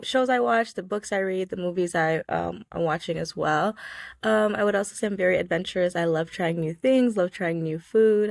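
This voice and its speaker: A young woman, a student from Georgia in the United States, answers interview questions as a guest in a casual, chatty way, peppered with "like" and "um." Her voice is lowish and gravelly, recorded with studio quality and no room sound.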